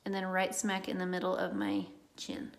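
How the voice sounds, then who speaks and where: A woman's voice: on the low side, sing-song, moderate pace, slight background noise. Chatty, reassuring woman doing makeup. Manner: chatty and reassuring, drifts off on tangents. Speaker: makeup artist. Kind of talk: live makeup tutorial.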